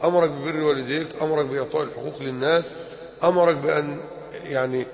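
Egyptian preacher, slightly high voice, animated lesson full of rhetorical questions, long reverb. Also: male voice, quick pace. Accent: Egyptian Arabic. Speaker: sheikh teaching a religious lesson. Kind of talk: colloquial religious lesson. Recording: echoey hall, dull lo-fi.

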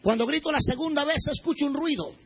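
A man's voice: extremely high pitch, quick pace, a bit bright, poor audio. A man giving an earnest spoken testimony as a plane crash survivor, speaking straight to the listener and acting out what he said back then. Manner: earnest storytelling, addresses the listener directly, acts out his own past words.

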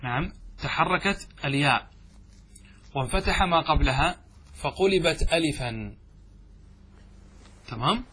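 A man's voice: a little high, lively intonation, a little slow, pauses often, pushed and bright, breathy edge. A man teaching a classroom grammar lesson as a sheikh. He keeps asking the students questions, repeats the answers and drags out key words for emphasis.

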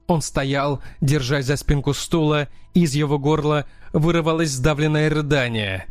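A man narrating a crime novel as an audiobook in a steady, dramatic reading. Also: a little high, no echo. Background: faint music.

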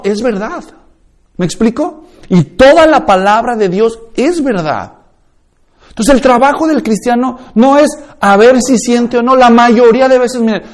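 A man teaching a course on preaching, emphatic and full of rhetorical questions. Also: high-pitched. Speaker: preaching instructor.

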